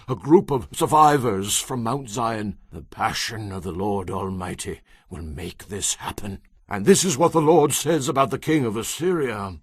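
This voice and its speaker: For a dramatized audio Bible, a male actor with a mid-range voice plays a stern prophet, declaring God's word in a solemn, emphatic, declamatory style. The studio-quality recording has no echo.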